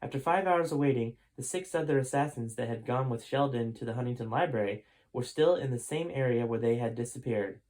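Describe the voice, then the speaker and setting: Reading his own book aloud as host, a man narrates storytime-style with character voices, pausing only to fix those voices. His medium-pitched, darkish voice runs a little fast with barely any breaks, captured on a low-quality recording.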